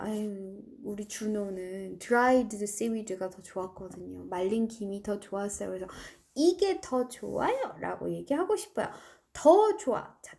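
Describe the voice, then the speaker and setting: A middle-aged female teacher leads a recorded online English lesson, walking her students through vocabulary one step at a time. Her voice swings widely in pitch and carries a gravelly edge. Its tone is warm and mellow, and she draws out her English example phrases slowly. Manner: lively, explains step by step, slow drawn-out English examples. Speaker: high school English teacher.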